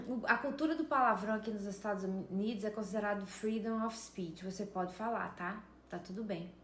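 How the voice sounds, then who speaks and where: A woman's voice: fairly high pitch, a little hiss or hum. A woman around fifty with a Brazilian Portuguese accent, emphatically telling a story straight to her viewers. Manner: emphatic, often addresses viewers directly. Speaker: vlogger. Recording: echoey room with faint ambience.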